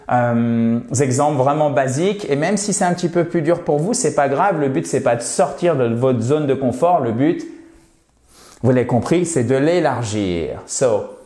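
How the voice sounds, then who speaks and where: A man teaching an English lesson in French, patiently repeating English words slowly to drill their pronunciation. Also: mid-range voice, a little mellow, echoey room. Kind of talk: video lesson at a whiteboard.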